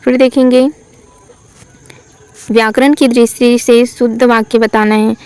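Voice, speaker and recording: A woman teaching a Hindi grammar lesson for exam practice. She reads sentences out slowly, asks what is wrong and answers herself. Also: a little high, flat delivery, darkish tone, clear, resonant tone, dry recording, rough recording. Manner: asks questions then answers them herself.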